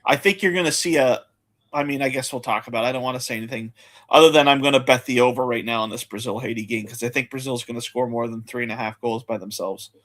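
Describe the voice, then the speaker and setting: A man's voice: mid-range voice, fast talker, a bit bright. A man hosting a live sports-betting show, chatting casually and rattling off match lists.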